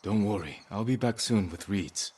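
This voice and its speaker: An actor playing a stoic, resolute young samurai lord in video game dialogue, speaking in a grave, measured, restrained way. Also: male voice, lowish voice, a little mellow, slightly rough. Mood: reassuring.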